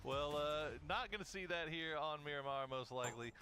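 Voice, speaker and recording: A man giving live esports play-by-play as a caster, relaxed and full of filler pauses. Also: fairly high pitch. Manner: relaxed, uses many filler uhs. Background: music.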